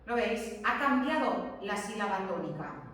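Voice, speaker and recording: Spanish teacher lecturing in an echoey classroom. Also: female voice, mid-range voice, expressive, a little slow, fairly bright tone, distant mic, slight background noise. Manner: explains step by step, repeats points, asks the class questions. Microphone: distant camera mic.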